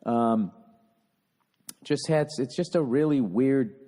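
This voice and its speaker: A man's voice: medium pitch, takes it slowly, dark tone, in a large hall. A man hosting a casual monologue. He rambles and swears often, and he trails off and restarts his sentences.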